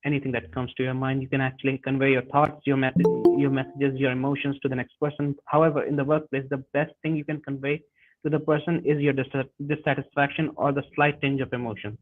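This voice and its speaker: Halting man lecturing over tinny audio. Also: medium pitch, flat delivery, soft background music. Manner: halting, frequent restarts and self-corrections. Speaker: webinar presenter. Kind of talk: lecture on workplace communication. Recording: tinny phone-like webinar audio.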